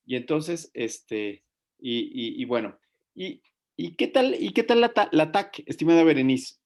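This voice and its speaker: A man leading a medical class, talking in a lively, questioning way with many fillers. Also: mid-range voice. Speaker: medical teacher. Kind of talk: online class discussion.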